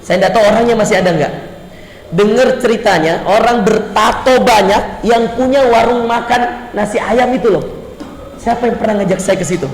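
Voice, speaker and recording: A middle-aged man preaching a mosque sermon, fervent, building to emphatic repeated lines and dropping soft when moved. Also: normal speed, a little hiss or hum. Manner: fervent, rises to emphatic high repetitions, drops low and soft when moved. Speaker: ustadz, preacher. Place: mosque hall. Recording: echoey mosque hall, faint ambience.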